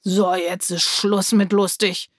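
A woman's voice: medium pitch, flat delivery, slow pace, husky, dry recording, clean studio sound. A woman reading an audiobook, voicing a mean schoolboy bully with a taunting, sneering manner.

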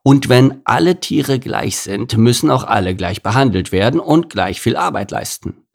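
A man's voice: medium pitch, lively intonation, normal speed, vocal fry. A man reading a storybook and voicing a grumbling, overworked male circus gorilla who thinks himself an artist. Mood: pompous. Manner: grumbling, complaining, pompous when speechifying.

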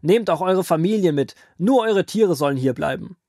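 A man voicing an angry, proud Egyptian king who gives loud orders and shouts threats in a children's Bible audio drama. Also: high-pitched, animated, moderate pace, no echo, clean studio sound, pitched above the performer's own voice.

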